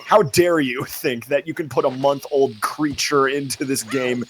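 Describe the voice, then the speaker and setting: A man's voice: mid-range voice, a little slow, slight background noise. A man streaming a game, chatting casually and laughing as he reads fan fiction aloud. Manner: goofy, laughing, voice-practising.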